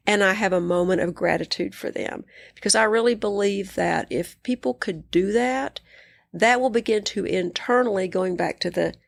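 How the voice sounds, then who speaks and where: A middle-aged woman with a West Texas twang and a creaky, fry-edged voice, recorded close and dry. She talks in an earnest, encouraging interview style, leaning on key words for emphasis. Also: medium pitch, normal speed, dry recording. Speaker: psychiatrist and coach interviewed as guest. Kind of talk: conversational interview.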